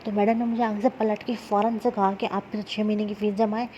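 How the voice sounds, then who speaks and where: Dark-voiced woman telling a story candidly. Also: mid-range voice, flat delivery, a little hiss or hum. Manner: candid, blunt, chatty retelling with many fillers. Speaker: vlogger. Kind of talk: casual personal storytelling. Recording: slightly dull lo-fi sound.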